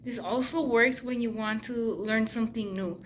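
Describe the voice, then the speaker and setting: A dental hygiene student chats casually in a vlog, talking straight to the camera and addressing her viewers directly about her week. Her voice is a little high and her speed normal, with slight background noise.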